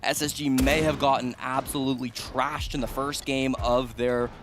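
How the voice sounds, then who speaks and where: A man's voice: mid-range voice, flat delivery, normal speed. A man giving live esports commentary and analysis, emphatic and repeating key phrases for weight. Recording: music bed behind the voice. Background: music.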